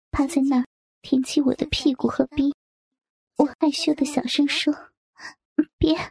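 High-voiced woman in whispered story narration. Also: no echo, studio quality. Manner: hushed, intimate, breathy delivery.

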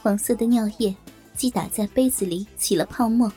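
A woman telling a story in the first person, in a colloquial, brisk storytelling manner. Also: medium pitch, dark tone, husky, soft background music. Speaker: narrator.

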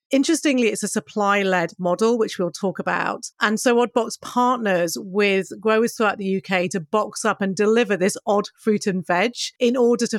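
A woman's voice: mid-range voice, dry recording, clean studio sound. A woman hosting a podcast interview, upbeat and enthusiastic in her introductions. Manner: upbeat, brisk introductions, frequent "brilliant". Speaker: podcast host. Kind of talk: casual interview.

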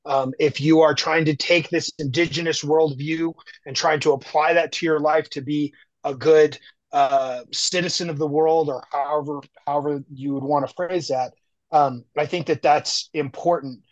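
An earnest, reflective man from the United States, speaking as a podcast guest in a measured way. His voice sits a little high. The audio is dry, with a muffled, lo-fi sound. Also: fairly even intonation, no echo. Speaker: guest artist. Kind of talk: conversational podcast interview.

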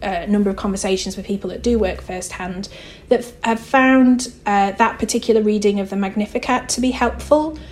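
A woman's voice: mid-range voice, fairly quick. A woman author and theologian answering interview questions in a reflective way, thinking aloud as she goes.

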